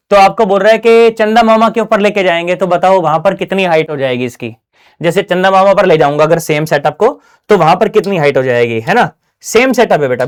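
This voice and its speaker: Chatty male physics teacher. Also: high voice. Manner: chatty, slangy, keeps asking "है ना?". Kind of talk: casual online exam-prep lesson. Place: small closed studio.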